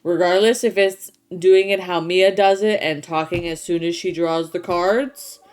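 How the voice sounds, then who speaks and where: A woman's voice: on the low side, steady tone, unhurried, darkish tone. A woman co-hosting a casual chat show, explaining things informally as she thinks aloud. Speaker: podcast co-host.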